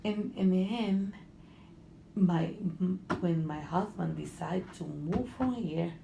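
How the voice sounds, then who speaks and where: Being interviewed casually, this middle-aged woman from Honduras, whose first language is Spanish, speaks English slowly and brokenly, often restarting and groping for words. Her Honduran Spanish-accented voice is low, heavily gravelly, soft and mellow, in an echoey room with faint background noise.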